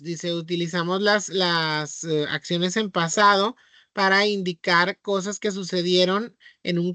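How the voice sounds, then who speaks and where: A Mexican man reviews English verb rules for his online class, speaking slowly and patiently and checking often that students follow. His voice is bright and clear, close and dry on the mic. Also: high-pitched, no echo. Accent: Mexican Spanish. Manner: patient, explanatory, checks with frequent "¿sí?". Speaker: English teacher.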